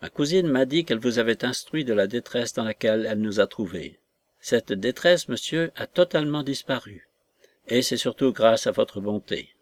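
A man's voice: mid-range voice, expressive, normal speed, close to an everyday voice. A man reading the part of a poor, grateful father who is overwhelmed with emotion and pours out his thanks. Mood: effusive. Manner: effusive, emotional pleading.

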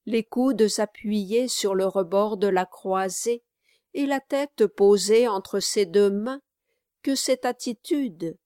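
A woman narrating a classic novel in a measured, deliberate reading. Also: medium pitch, dark tone, dry recording, clean studio sound. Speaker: audiobook reader. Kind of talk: scripted literary narration.

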